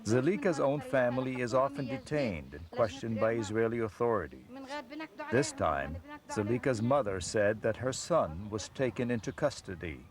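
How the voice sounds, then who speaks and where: A man reading a scripted documentary narration in a measured, even voice-over. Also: mid-range voice, a crowd in the background.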